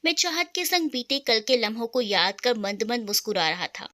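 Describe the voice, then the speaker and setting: Woman storyteller, high pitch, bright tone, scripted narration, one voice for all characters. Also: very animated, moderate pace. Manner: reads every character herself, in a male first-person narrator voice.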